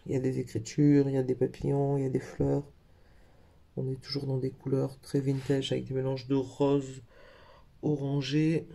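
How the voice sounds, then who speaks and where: A man's voice: medium pitch, completely flat delivery, normal speed, creaky, warm tone. A man in a casual craft haul video, talking in a hesitant way with lots of fillers and self-corrections. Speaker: craft vlogger.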